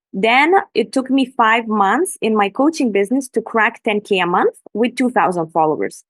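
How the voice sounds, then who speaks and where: A woman from Lithuania, an Instagram business coach appearing as a guest on a video call, speaks from a room in Bali at night. Her mid-range voice has a fairly bright tone, and she comes across as an enthusiastic, earnest presenter. The sound is dry with no echo.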